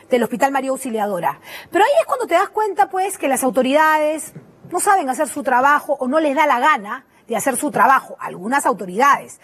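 A woman narrating a television news report in an indignant, emphatic way. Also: sits high.

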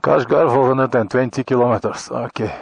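This is the same kind of clip: a middle-aged Bulgarian man vlogging his motorcycle trip from a high mountain pass, speaking broken, thankful English with frequent restarts. His mid-range voice carries vocal fry and a breathy edge. The sound is dry, captured outdoors by a helmet-mounted or handheld action camera.

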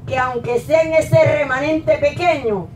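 A middle-aged woman pastor preaching a sermon at a pulpit into a handheld mic, rising to emphatic peaks and then dropping low. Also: unhurried, darkish tone, slight background noise. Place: small church hall, at a wooden pulpit. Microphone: handheld mic, filmed from a distant camera. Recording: echoey church hall from far off.

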